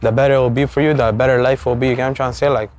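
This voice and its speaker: A man's voice: medium pitch, level tone, very fast, a little mellow. A man with a Toronto urban street accent giving a casual, slang-heavy interview, emphatic, swearing freely and often adding tag questions. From Toronto, Canada. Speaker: rapper being interviewed. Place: outdoors in a neighbourhood. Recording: faint outdoor background noise.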